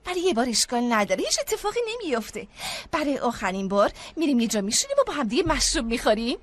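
A woman voicing a brisk female hospital psychiatrist in a dubbed drama, soothing patients and ordering staff around. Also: fairly high pitch, sing-song, slight background noise. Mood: persuasive.

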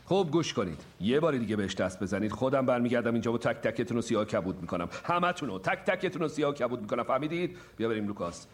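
A man's voice: medium pitch, big pitch swings. A middle-aged man playing a well-meaning stepfather in a dubbed film. He makes big threats and then backs down sheepishly. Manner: boastful threats that quickly turn sheepish. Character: well-meaning, blustering stepdad, adult man.

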